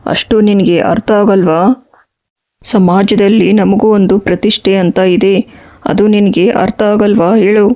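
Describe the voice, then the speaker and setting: A man's voice: high voice, fairly even intonation, slow pace, a little mellow. A man playing a stern middle-aged father who scolds his son about family honour. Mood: scolding. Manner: scolding, indignant. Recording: slightly dull audio.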